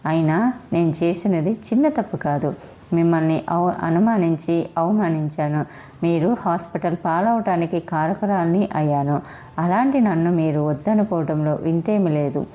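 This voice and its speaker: This is an earnest, apologetic young wife begging forgiveness, read by a woman. Her voice sits low and warm. The storybook recording sounds dull and lo-fi. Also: moderate pace, close to an everyday voice. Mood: remorseful. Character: young wife, remorseful and pleading. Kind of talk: storybook reading.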